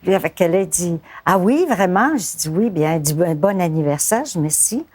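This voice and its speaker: Older Québécois woman telling stories, low voice. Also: a little fast, breathy edge. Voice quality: lively, quotes people in dialogue. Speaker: interviewee, former actress. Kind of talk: anecdotal storytelling.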